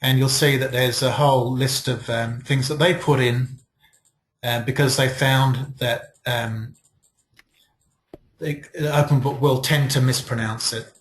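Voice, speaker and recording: A man presenting a software training workshop, explaining in a relaxed, conversational way. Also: mid-range voice, measured pace, slight background noise. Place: training room.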